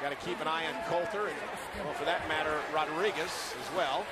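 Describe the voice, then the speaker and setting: A man's voice: a little high, brisk, heavy background noise. A man giving live play-by-play sports commentary on a wrestling match. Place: commentary position in large arena. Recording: loud arena crowd and music behind.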